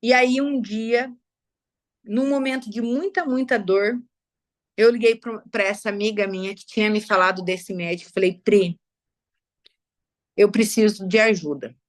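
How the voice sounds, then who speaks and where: A woman's voice: on the high side, steady tone, moderate pace. A middle-aged woman, sharing a personal testimony with a live audience in an emotional, confiding way. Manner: emotional, confiding, addresses listeners as "gente".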